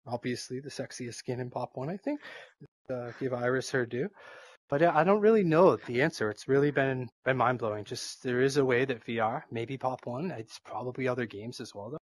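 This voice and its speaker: A man's voice: mid-range voice, a little fast, husky, no echo. Rambling Boston man, guest talking gaming. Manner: rambling, filler-heavy, animated. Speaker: interview guest. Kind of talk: casual interview chat.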